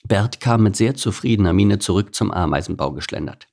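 A man narrating a children's animal story, expressive and playful. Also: on the low side, fairly quick. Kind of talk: storybook reading.

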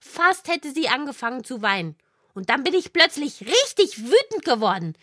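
A woman's voice: high voice, big pitch swings, moderate pace, sharp tone, dry recording, studio quality, full character voice. A woman voicing a hot-tempered young boy worm in a children's audio drama, talking earnestly. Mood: indignant.

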